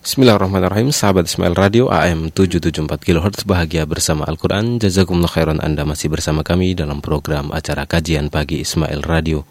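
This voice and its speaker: A man's voice: very deep voice, fast, no room sound. A man presenting a programme as an AM radio host.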